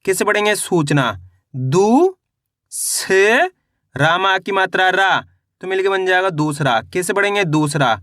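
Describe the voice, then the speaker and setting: A man with a high, bright, ringing voice teaches beginners to read, sounding out every syllable one at a time before he joins them into a word. He keeps asking how to read the word and answers himself, patient and step by step. The sound is close and dry. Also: normal speed, no echo. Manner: asks and answers his own questions; addresses viewers as friends. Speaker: Hindi reading teacher. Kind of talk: slow, step-by-step spelling lesson.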